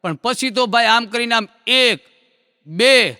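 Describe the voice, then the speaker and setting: Male comedian, very high bright voice, folksy stage storyteller, hall reverb. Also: clean tone, studio quality. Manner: folksy storytelling, acting out characters in quick dialogue. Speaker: stand-up comedian. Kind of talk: Gujarati joke telling, stage storytelling.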